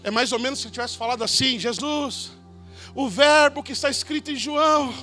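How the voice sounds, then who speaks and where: A Brazilian man preaching a sermon as pastor, dramatic, acting out crowd voices and shouting out names. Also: very high voice, fairly quick, faint music behind. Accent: Brazilian Portuguese.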